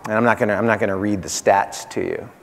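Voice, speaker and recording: A gravelly, fairly low-pitched man speaks fast with fairly even intonation. He's a marketing executive in his forties giving a keynote on a big hotel conference stage indoors, using short punchy phrases, repeating his main points and asking "right?". The conference hall echoes noticeably.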